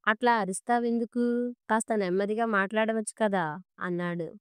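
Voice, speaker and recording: A fed-up middle-aged husband snaps back curtly in a spoken storybook, as a woman reading the story voices him. The voice is very clear and smooth, with a dry, close sound. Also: mid-range voice, a little fast, no echo, close to an everyday voice. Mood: irritated. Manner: curt and impatient.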